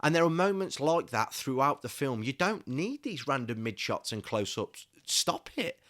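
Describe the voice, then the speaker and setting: A man's voice: medium pitch, sing-song, moderate pace, fairly bright tone. A young man giving a casual solo film review, ranting with passionate frustration. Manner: passionate, increasingly irate ranting.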